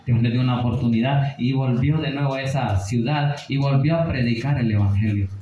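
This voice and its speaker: Man, pastor, Bible study sermon, rhetorical questions, mellow voice, echoey room. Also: medium pitch, fairly quick, a little hiss or hum. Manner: preaching with rhetorical questions and tag "¿verdad?".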